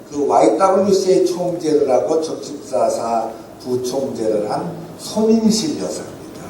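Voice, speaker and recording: A man's voice: a little high, slight background noise. A man in his seventies, a guest author animatedly telling stories at a book talk. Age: 70s. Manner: animated anecdotes, acts out quoted dialogue. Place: event hall. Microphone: room recording from the audience. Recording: echoey hall recorded from far off.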